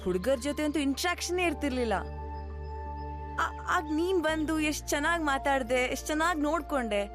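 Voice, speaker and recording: A woman's voice: high-pitched, animated, fairly quick, over music. An actress playing a young woman who pleads and consoles, repeating her friend's name, with English mixed into her speech. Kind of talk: film drama acting. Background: film score.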